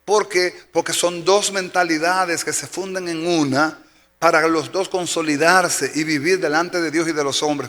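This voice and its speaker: A male Dominican pastor preaches from the pulpit in a fairly high voice, driving home each point with repeated phrases. His voice rings through a church with a long reverb tail, and soft music hums faintly underneath. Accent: Dominican Spanish. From Dominican Republic. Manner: emphatic preaching, repeats key phrases for effect. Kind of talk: sermon. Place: church sanctuary.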